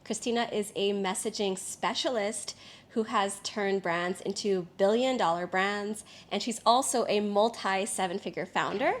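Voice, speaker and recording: A woman's voice: mid-range voice, moderate pace. Upbeat chatty woman podcast host. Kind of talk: casual interview chat.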